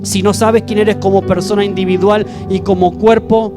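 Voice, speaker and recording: Brief: male pastor mid-sermon, high voice, fervent, faint keyboard underneath. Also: level tone, normal speed. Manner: fervent, praying aloud and exhorting the congregation. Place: church service. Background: soft keyboard music.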